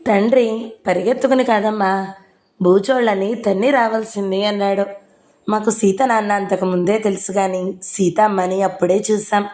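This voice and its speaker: A woman reading a novel aloud as narrator, with steady, measured storytelling. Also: mid-range voice.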